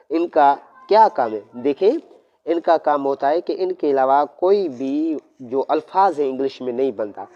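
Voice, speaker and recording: A man's voice: fairly high pitch, a little mellow. A man teaching a lesson with speech, explaining step by step and answering his own questions. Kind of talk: classroom lesson. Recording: dull lo-fi audio.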